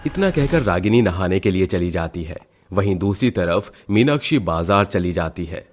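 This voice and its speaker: Deep-voiced male storyteller. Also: expressive, normal speed, a little hiss or hum. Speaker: narrator. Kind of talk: scripted storybook narration.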